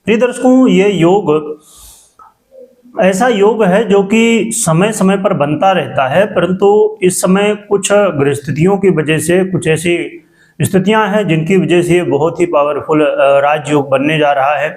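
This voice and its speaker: A man presenting a horoscope as an astrologer, speaking formally and deliberately in phrases to his viewers, his voice carrying an echo. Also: high-pitched, a little mellow. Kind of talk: explanatory talk addressed to viewers. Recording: echoing voice, as in a cave.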